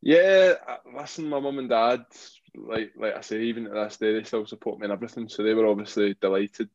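A young Glaswegian man, a rugby player who became a boxer, answers interview questions in a brisk, lowish voice. His replies ramble, packed with fillers and repeated phrases. The sound is lo-fi with no room echo.

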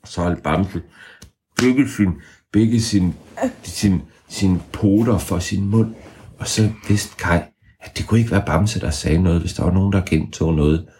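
A man's voice: deep voice, darkish tone, a little hiss or hum. A man making up a bedtime story for a child, playful and sometimes searching for his words.

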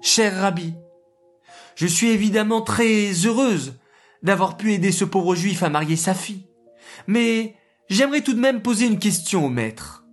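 A storyteller voicing a merchant's wife, an insistent, indignant woman, in a high, demanding tone. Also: lively intonation, a little slow, faint music behind. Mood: polite asking.

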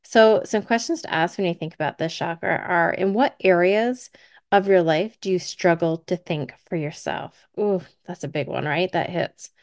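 A woman speaking as a Reiki healer and teacher, giving spiritual guidance in a soft, soothing, breathy manner. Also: lowish voice, normal speed, no echo. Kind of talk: spiritual wellness lesson and guided relaxation. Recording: close dry voice over faint music.

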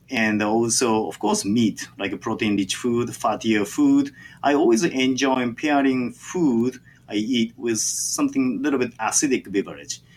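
A sake brewer, a native Japanese speaker with a Japanese accent, answers interview questions haltingly, full of fillers and restarts. His voice is medium in pitch. A little hiss or hum can be heard.

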